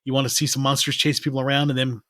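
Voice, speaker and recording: A man's voice: mid-range voice, flat delivery, rapid-fire, a bit bright, dry recording. Brief: man, forties, easygoing podcast host, rambles and laughs, dry close mic. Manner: rambling, laughs often, many restarts. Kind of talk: casual chat.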